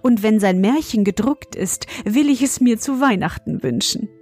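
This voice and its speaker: A woman voicing a cheeky, sulky young schoolboy in a storybook reading, raising her voice high and defiant. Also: normal speed, darkish tone, soft background music, lightly acted. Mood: eager.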